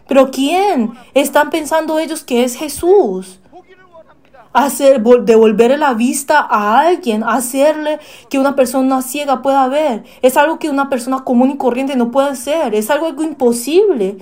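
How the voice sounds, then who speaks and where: A woman delivering a sermon in a fairly high voice. She puts questions to her listeners and often pauses on fillers as she finds her words. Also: darkish tone. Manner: asks the listeners questions and acts out quoted pleas; hesitant, with frequent fillers. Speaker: preacher.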